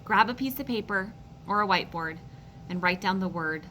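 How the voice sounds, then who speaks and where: A woman teaching a phonics lesson to young children, slowly sounding out words and encouraging them. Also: medium pitch, sharp tone, a little hiss or hum, poor audio.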